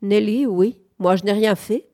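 A woman voicing a sharp-tongued young farm woman who speaks coldly and shrilly, pitched above her own voice. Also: measured pace, natural voice. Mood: cool. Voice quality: cold, shrill.

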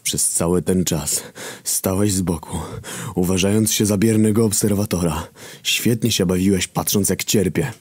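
A man voicing Death, a male personification who is brooding and vengeful, speaking in a low resentful mutter in a read-aloud story. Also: moderate pace, darkish tone, husky, dry recording. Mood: bitter. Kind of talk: scripted storytelling.

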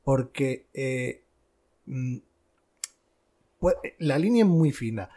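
A man from chats on a podcast in an average-pitched voice. He tells his anecdotes with animation and an easy, conversational flow. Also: expressive, takes it slowly, warm tone. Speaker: podcast co-host. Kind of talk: casual chat.

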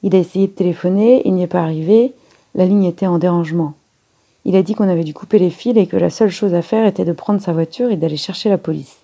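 A woman voicing an alarmed woman of the house, out of breath and firing off rushed questions. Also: on the low side, dark tone.

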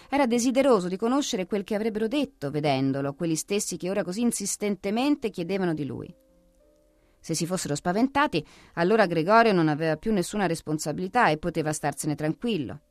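A woman narrating a classic novel as an audiobook in a steady, expressive reading. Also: medium pitch, brisk, no room sound.

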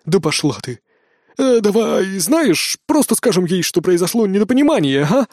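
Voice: medium pitch, very animated, moderate pace, a little mellow, no room sound, studio quality, voice pushed up. A reader playing a flustered young man. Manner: flustered, pleading. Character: panicky boastful young man.

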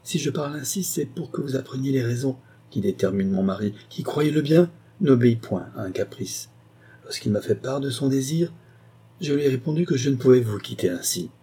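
A man's voice: mid-range voice, animated, warm tone, breathy edge, voice pushed up. Man voicing a scheming young governess. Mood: insistent. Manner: measured, pointed, deliberately detaching words. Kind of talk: audiobook character reading.

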